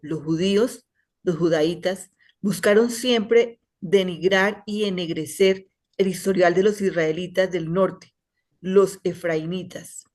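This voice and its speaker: A woman reading a passage aloud to a study group over a video call, steady with small slips she corrects. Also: lowish voice, slow.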